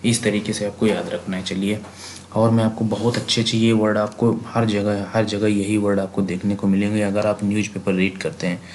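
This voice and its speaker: A man's voice: lowish voice, little pitch movement, a little fast, a little mellow, a little hiss or hum. An Indian man teaching English vocabulary for exams, spelling words letter by letter and repeating himself as he asks and answers his own questions. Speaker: exam prep teacher.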